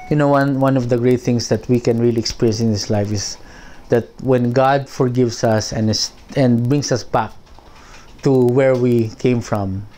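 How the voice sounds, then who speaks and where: A man preaching a sermon as pastor, slow and deliberate, stretching key phrases for emphasis. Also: medium pitch, dark tone.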